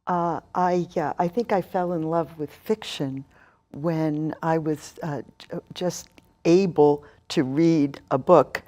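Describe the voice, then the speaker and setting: A woman's voice: sits low, slow pace, warm tone. An older woman from New York City, a novelist guest answering interview questions in a reflective, earnest way.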